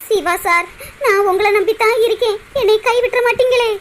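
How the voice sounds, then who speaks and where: A woman's voice: very high-pitched, fairly quick. A woman voicing a timid young village woman in a cartoon, meek and pleading, with a Tirunelveli Tamil accent. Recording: loud background noise.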